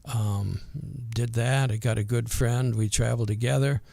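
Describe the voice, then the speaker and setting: Reminiscing as an interview guest, this older man speaks with a natural Vermont accent and rural twang, folksy, hesitant and in no hurry. His mid-range voice is steady, creaky and warm, and there's no echo.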